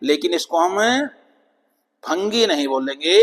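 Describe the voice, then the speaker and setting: A man teaching English pronunciation, patiently explaining and repeating example words slowly, dropping his voice on each model word. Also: on the high side, expressive, fairly bright tone, in a large hall, low-quality recording. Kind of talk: explanatory lesson.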